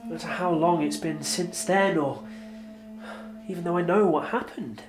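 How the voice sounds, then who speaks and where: A man's voice: a little high, normal speed, background noise, lightly acted. A man as an earnest, reflective old apostle narrating. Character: older male apostle recalling his past. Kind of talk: dramatic narration.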